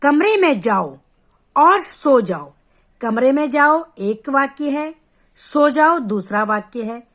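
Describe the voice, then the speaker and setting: A woman teaching children a grammar lesson, explaining slowly and stretching out sounds to show how they are spoken. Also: high-pitched, sing-song, fairly bright tone.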